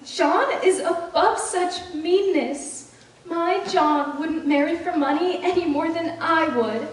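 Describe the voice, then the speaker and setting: A young woman playing a proper, easily flustered but stubborn young lady in a stage play. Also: very high voice. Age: teenage or young adult performer. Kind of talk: high school stage play acting. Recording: echoey stage, distant mic, noisy.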